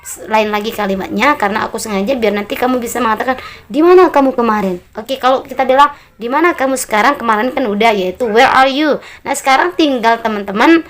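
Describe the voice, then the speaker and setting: A woman's voice: fairly high pitch, quick pace, slight background noise. A woman teaching an online English grammar lesson, explaining step by step and mixing English phrases into her explanations. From Lombok, Indonesia.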